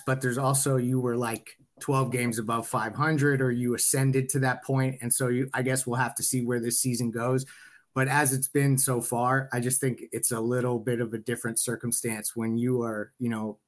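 Man, mid-pitched, sports-podcast host, rambly questions, lots of ums. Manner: rambling questions with many fillers. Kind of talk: casual sports podcast chat.

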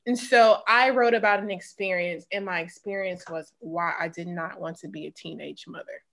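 A woman's voice: on the low side, steady tone, moderate pace, creaky, a bit bright. A woman with a Southern Mississippi accent tells personal stories in a casual, conversational interview, with emphatic asides. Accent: Mississippi Southern American. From Mississippi, United States. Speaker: interview guest, former sprinter.

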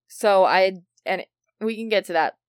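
A woman's voice: medium pitch, unhurried, clean tone, no room sound, clean studio sound. A woman co-hosting a casual podcast chat about a film, rambling and trailing off as she thinks aloud. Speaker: podcast co-host.

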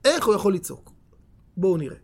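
High, gravelly-voiced rabbi teaching emphatically. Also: male voice. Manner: animated, emphatic, questions the listeners directly. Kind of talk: Torah lesson to a live audience.

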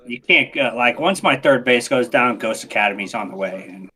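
Bright-voiced excitable man. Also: medium pitch, moderate pace. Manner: animated, excitable, lots of restarts. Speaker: podcast guest, game streamer. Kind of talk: casual interview chat.

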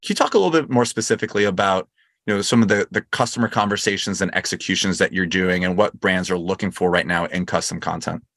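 A low-voiced man hosts an interview podcast, speaking quickly with a creaky, slightly bright tone in clean, echo-free studio sound. He opens with a scripted introduction, then moves into conversational questions, staying polite and appreciative toward his guest.

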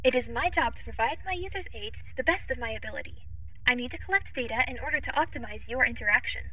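Audio drama: too-smooth female android assistant played by a woman, high, bright and crisp, polite, literal and quietly curious. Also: fast talker, poor audio. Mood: helpful, curious. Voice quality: too smooth, even, formal android-like phrasing. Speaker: ship's AI assistant.

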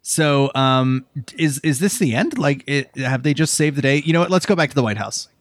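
A man co-hosting a comedy podcast, improvising bits in an animated way. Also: a little high, normal speed, no echo, clean studio sound. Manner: animated, jumps into quoted voices.

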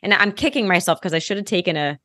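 A woman hosting a podcast, chatting casually and telling stories in an animated way, laughing easily. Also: on the low side, fast talker, no echo, clean studio sound. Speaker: podcast host. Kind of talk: casual chat.

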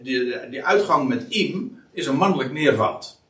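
A man teaches from scripture in an unhurried, hesitant way, his pitch rising and falling widely. He is heard from a distance in a roomy, echoing space. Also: expressive, a bit bright. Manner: hesitant, many fillers and restarts. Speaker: Bible teacher. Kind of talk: explanatory Bible study talk. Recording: echoey room, distant mic.

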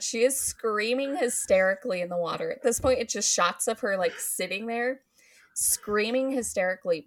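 A woman's voice: mid-range voice, a bit bright. A woman host casually recapping a film's plot, laughing often and filling with um and like. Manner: giggly, frequent ums and likes. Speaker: podcast host recapping a film. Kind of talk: casual chat.

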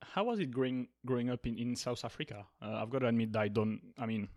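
A man's voice: mid-range voice, quick pace, darkish tone, no echo. Hesitant male podcast co-host, dry sound. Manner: hesitant, many ums and uhs. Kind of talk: casual interview conversation.

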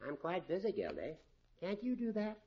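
An actor playing a fussy, pompous older judge in a 1950s radio comedy, speaking in a formal, declamatory way. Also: male voice, high voice, huge pitch swings, moderate pace. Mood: dry, fussy. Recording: muffled, noisy 1950s radio recording.

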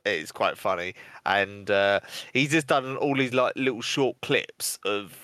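A man co-hosting a gaming podcast, telling stories in a lively, casual way and swearing freely. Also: fairly low pitch, measured pace, no echo. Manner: animated storytelling, swears and laughs often. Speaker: podcast co-host.

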